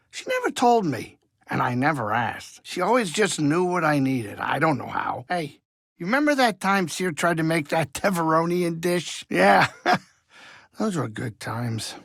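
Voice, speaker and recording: A man's voice: fairly high pitch, gravelly, fairly bright tone, dry recording, clean studio sound, full character voice. A man voicing Greez's kind of video game figure, a grumbling but good-hearted alien pilot and saloon owner who banters in folksy wisecracks. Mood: chatty. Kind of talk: animated video game character dialogue.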